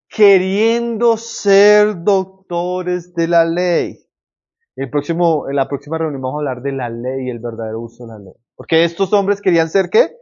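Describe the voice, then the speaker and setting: Man preaching, fervent and urgent, slightly high voice, lo-fi recording. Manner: impassioned, swings between loud emphatic lines and quiet low ones; repeats and addresses listeners as brother. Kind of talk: sermon.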